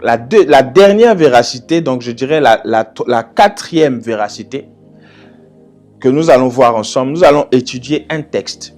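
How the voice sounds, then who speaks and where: A man preaching a sermon, repeating key phrases with emphasis and swinging between loud declarations and quiet asides. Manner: emphatic, repeats phrases, swells loud then drops low. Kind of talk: sermon with prayer.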